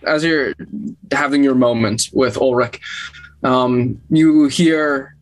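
A woman acting as game master, narrating a tabletop role-playing game in a casual, halting way. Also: rumbling low, rough recording.

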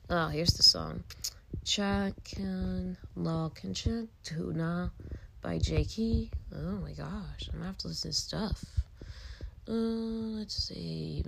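A woman's voice: on the low side, creaky, a bit bright, a little hiss or hum, low-quality recording. A woman hosting a casual podcast, reading articles aloud in a meandering, often half-whispered way and stopping to react. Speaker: podcast host.

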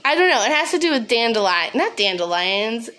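A woman's voice: fairly high pitch, very animated, brisk, fairly bright tone. A woman podcast host rambling casually and confessionally on her own, candid, sweary and self-deprecating, a little sniffly, recorded on a phone. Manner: snorting laugh.

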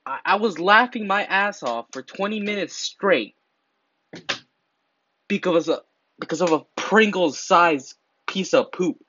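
A man's voice: sits high, animated, a little slow, long pauses, bright, forceful tone, muffled recording, a little hiss or hum. A teenage boy vlogging casually, crude and rambling, laughing mid-sentence and stumbling over his words. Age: teens.

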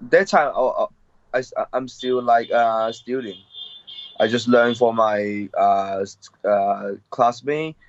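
A man's voice: mid-range voice, no echo. Hesitant young man with a Hong Kong accent. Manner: halting, hesitant non-native English with many fillers. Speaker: MMA fighter guest. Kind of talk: casual interview. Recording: dull, dry lo-fi sound.

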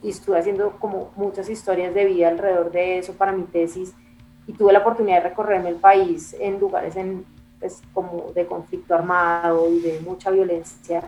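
Speaking at normal speed in a fairly low, level, slightly mellow voice, a woman from Bogotá with a Colombian capital accent appears as an interview guest; she edits a music and culture magazine. Her manner is casual, reflective and emphatic, with repeated phrases for stress, captured on a rough recording.

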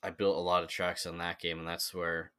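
A young man with a low voice chats on a podcast as the guest. His tone has a bright, forceful edge, and he rambles through his memories with plenty of fillers and restarts. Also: little pitch movement, fairly quick. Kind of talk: casual chat.

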